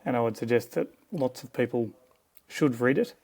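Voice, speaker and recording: A middle-aged Australian man speaks in a gravelly, creaky voice at an ordinary pitch. He gives frank, reflective interview answers and states his opinions plainly. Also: normal speed, a little mellow. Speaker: guest osteopath and clinic co-director.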